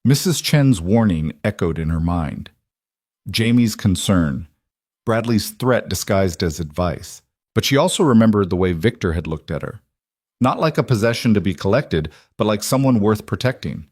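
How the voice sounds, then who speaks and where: Low-voiced male story narrator. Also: expressive, normal speed, darkish tone, no room sound, studio quality.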